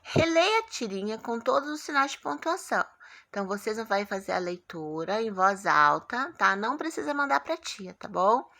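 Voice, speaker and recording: Woman, Brazilian Portuguese accent, primary teacher, recorded lesson, bright, gravelly, patient, coaxing. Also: a little high, sing-song, normal speed. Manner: patient, coaxing, checks in with "tá bom?" often.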